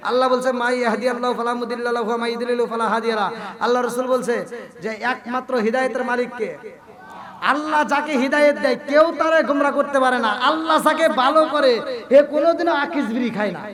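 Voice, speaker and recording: A man's voice: very high-pitched, steady tone, quick pace. A male Islamic preacher, giving a jocular waz sermon and keeping the crowd answering back. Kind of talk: Bengali waz sermon at a religious gathering.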